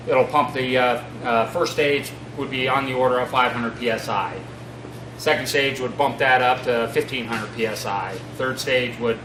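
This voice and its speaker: A middle-aged man giving an informal instructional demonstration in a halting, matter-of-fact way. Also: mid-range voice. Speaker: fire district equipment trainer. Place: concrete-floored equipment room, indoors. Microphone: distant camera across the room. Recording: echoey, noisy, distant camera sound.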